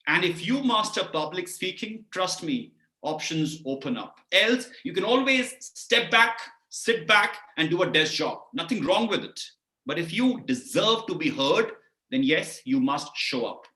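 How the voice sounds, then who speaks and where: Indian guy coaching on a webinar, slightly high voice, lots of vocal variety, echoey room. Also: unhurried. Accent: Indian English. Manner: animated, lots of vocal variety, keeps asking the audience questions. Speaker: career coach giving a webinar talk. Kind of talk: live webinar talk on public speaking.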